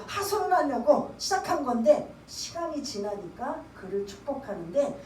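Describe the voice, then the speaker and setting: A woman's voice: high voice, darkish tone, a little hiss or hum. A woman pastor gives a conversational sermon. She asks the congregation questions and acts out her own tearful prayers. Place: church sanctuary. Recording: echoey church, from far off.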